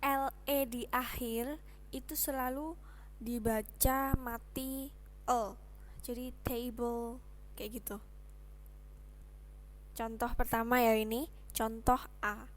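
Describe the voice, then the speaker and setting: A young woman teaching English pronunciation in a casual online lesson, explaining slowly and patiently with chatty asides. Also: on the high side, steady tone.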